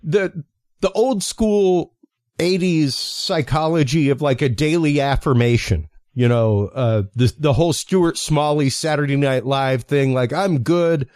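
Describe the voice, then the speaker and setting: A man's voice: fairly high pitch, unhurried, a little mellow, no room sound, studio quality. A man hosting a live podcast in an enthusiastic, informal, rambling way, moving between sponsor reads and interview chat. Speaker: podcast host.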